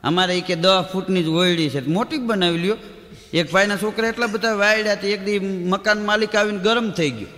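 A man telling folk jokes on stage and acting out the dialogue in quick back-and-forth quotes. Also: high voice, a bit bright, in a large hall. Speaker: comedian telling village jokes. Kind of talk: Gujarati folk humor storytelling (lok dayro). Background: audience laughter.

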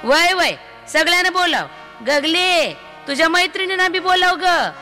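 A practical village wife in a children's storybook, as a woman reader plays her. She talks in a brisk, homely way. Her voice rides high, bright and full of swoops. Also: animated, big-room sound, soft background music, exaggerated voice.

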